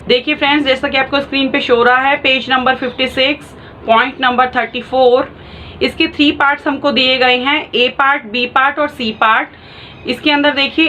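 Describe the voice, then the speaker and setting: High-voiced woman teaching patiently. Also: bright, forceful tone, highs cut off, slight background noise. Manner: patient, repeats and spells out sounds step by step. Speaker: shorthand teacher. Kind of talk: online class explanation.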